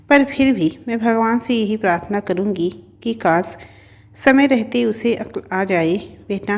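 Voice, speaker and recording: A woman's voice: mid-range voice, darkish tone. A woman voicing a hurt middle-aged mother in a storybook, who pleads humbly and then scolds sternly. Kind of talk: storybook narration.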